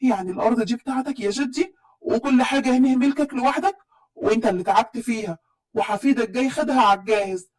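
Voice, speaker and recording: A woman voicing a bold, proud young woman from Upper Egypt who speaks with sharp, defiant retorts, in an Upper Egyptian accent. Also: fairly high pitch, fast talker, breathy edge, low-quality recording.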